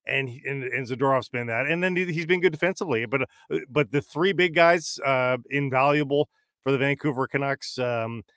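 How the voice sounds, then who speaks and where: A man's voice: medium pitch, fairly bright tone, no room sound, studio quality. Opinionated man in his forties, emphatic. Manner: emphatic, opinionated, quick interjections. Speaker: podcast co-host. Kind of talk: casual sports banter. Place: small padded home studio. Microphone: large studio mic with headphones.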